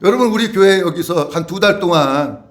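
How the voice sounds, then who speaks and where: A male pastor preaching a sermon in a church, asking the congregation to repeat after him and acting out questions in a slow, drawn-out voice. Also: high voice, lively intonation. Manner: acts out God's questions in a slow voice. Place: church sanctuary.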